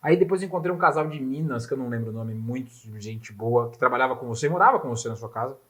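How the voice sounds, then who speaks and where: Fast-talking Brazilian man telling stories. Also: mid-range voice. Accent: Brazilian Portuguese. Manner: animated, swearing, acts out dialogue. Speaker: podcast host. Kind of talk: casual storytelling chat.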